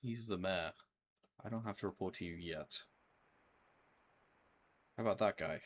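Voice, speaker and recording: A man's voice: low voice, a little slow, fairly bright tone, a little hiss or hum. A man giving casual, slangy gameplay commentary, often muttering to himself and swearing. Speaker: video game streamer.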